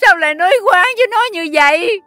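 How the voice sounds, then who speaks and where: A woman's voice: very high voice, lively intonation, fast, bright, forceful tone, soft background music, exaggerated voice. A woman playing a bewildered, lamenting older mother whose daughter has been arrested. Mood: distraught. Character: distraught older mother, a retired widow.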